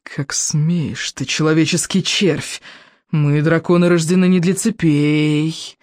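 A man voicing a huge, furious male saber-toothed dragon in an audiobook, speaking slowly and with contempt. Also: fairly high pitch, fairly even intonation, no echo, studio quality. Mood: enraged. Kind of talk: audiobook character voice.

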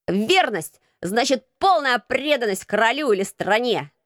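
A woman's voice: on the high side, lively intonation, measured pace, a bit bright, no room sound, studio quality. Woman voicing a bossy street-boy gang leader. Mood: commanding. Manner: barking commands, gruff. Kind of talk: audiobook character voice.

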